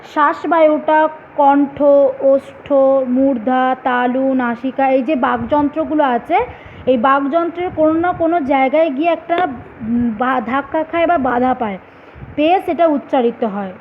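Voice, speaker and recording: A woman teaches young children, patiently walking them through examples and asking them questions. The sound is thin and phone-like, with a faint hiss underneath. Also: sits high. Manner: patient, explaining step by step with repeated examples and questions to students. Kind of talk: online Bengali grammar lesson for young children.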